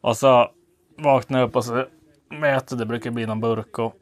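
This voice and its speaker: A man in his thirties telling a long anecdote in a rambling, profane, animated way on a wireless studio mic. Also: medium pitch, no echo. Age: 30s. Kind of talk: casual storytelling.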